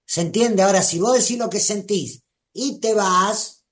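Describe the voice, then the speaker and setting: A host with a Rioplatense Spanish accent, giving a gentle, reflective live talk and answering listeners by name like a spiritual teacher. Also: medium pitch, measured pace.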